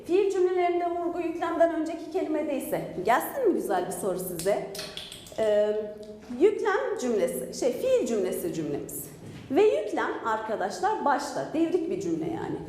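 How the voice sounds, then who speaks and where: A woman teacher giving an online grammar lesson, asking her students questions and answering them herself. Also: sits high. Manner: lively, asks and answers her own questions. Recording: echoey room with long reverb.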